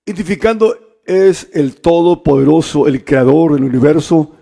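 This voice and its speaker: Preacher guy, high gravelly voice, flips between two languages, gets loud and repeats himself. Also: normal speed. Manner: switches between English and Spanish, repeats phrases, rising to emphatic shouts. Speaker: pastor. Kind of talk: bilingual sermon.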